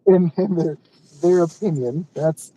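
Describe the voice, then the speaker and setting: A man's voice: a little high, measured pace, mellow, slight background noise, rough recording. Easygoing chuckling man. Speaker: delivery driver streamer. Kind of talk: casual live-stream chat.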